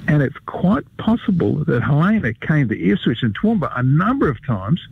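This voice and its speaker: A man's voice: a little high, sing-song, normal speed, vocal fry, slightly rough, no room sound, narrow, tinny audio. A man with an Australian accent telling local history stories on live radio in a chatty, leisurely way. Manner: chatty, leisurely storytelling with asides to the host. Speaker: history storyteller, regular guest.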